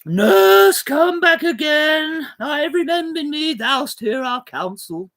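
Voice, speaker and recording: A stately noblewoman speaks with composed, formal persuasion, played by a woman. The voice is very high, the pace slow and deliberate, as in a staged reading of a classic play. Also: animated, a bit bright, heavily acted. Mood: commanding.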